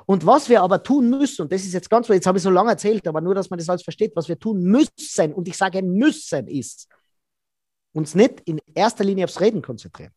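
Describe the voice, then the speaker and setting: A man, a body language expert being interviewed, who explains in a lively way and acts out quoted dialogue. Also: high-pitched, fairly quick, dry recording, clean studio sound.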